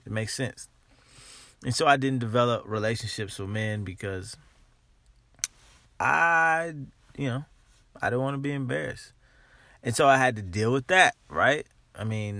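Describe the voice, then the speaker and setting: A man's voice: fairly low pitch, a bit bright, dry recording. A man hosting a motivational podcast, talking informally and emphatically, repeating key phrases and stretching words to drive them home.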